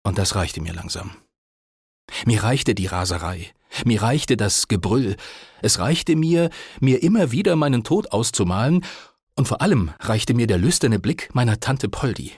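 A man narrating a first-person audiobook with animated, wry storytelling and a husky voice. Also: on the low side, moderate pace, dry recording, studio quality.

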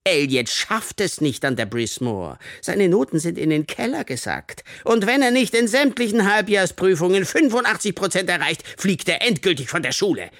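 A man's voice: big pitch swings, normal speed, few pauses, fairly bright tone, no room sound, clean studio sound. A man reading an audiobook, voicing a pompous, bullying male teacher who bellows his lines. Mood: ranting. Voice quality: shrill bellowing.

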